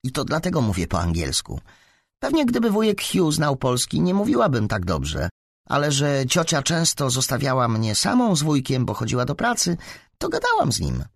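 A man's voice: mid-range voice, wildly swooping pitch, normal speed, slightly rough, no echo, studio quality, voice pushed up, full character voice. A man reading an audiobook, voicing a chatty teenage schoolgirl in a raised voice. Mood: eager.

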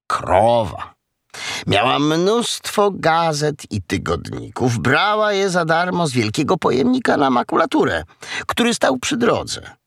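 A man reading a children's story aloud, slow and gravelly. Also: mid-range voice, a bit bright, no room sound, studio quality.

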